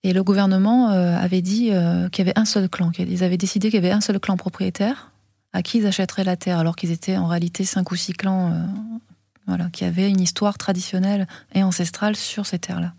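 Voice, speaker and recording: A French woman, a filmmaker giving an interview, talking with many fillers, pauses and restarts. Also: fairly low pitch, steady tone, gravelly, warm tone, no room sound, studio quality. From France. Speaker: guest filmmaker. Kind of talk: interview conversation.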